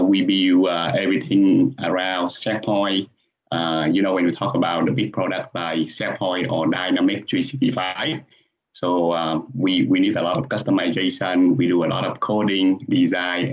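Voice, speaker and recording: A man from Vietnam with a Vietnamese accent, giving an online technical presentation, with frequent pauses and restarts. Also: deep voice, level tone. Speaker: conference presenter. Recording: dull, muffled sound.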